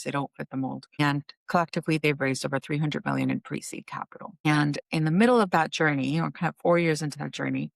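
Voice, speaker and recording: Creaky-voiced woman from Costa Rica. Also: low-pitched, a bit bright, dry recording. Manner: thoughtful, fluent storytelling with fillers. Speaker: venture fund founder, guest. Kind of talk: casual interview talk.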